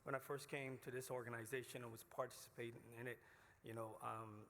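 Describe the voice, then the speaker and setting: Barbadian man giving a halting acceptance speech. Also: mid-range voice, little pitch movement, a bit bright. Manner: halting, repeats himself, earnest. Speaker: award recipient. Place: hotel banquet room. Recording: reverberant hall, faint noise.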